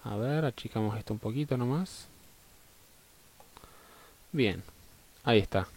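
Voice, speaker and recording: A man's voice: mid-range voice, expressive, unhurried, gravelly, a little mellow. A man with an Argentine Spanish accent chatting casually and swearing as a live game streamer, often muttering to himself.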